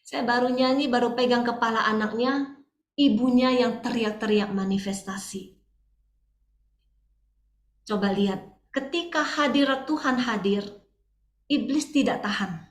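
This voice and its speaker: A woman sharing an earnest personal testimony in a community devotional talk, telling the story slowly. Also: a little high. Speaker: speaker sharing a devotional reflection. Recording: echoey room.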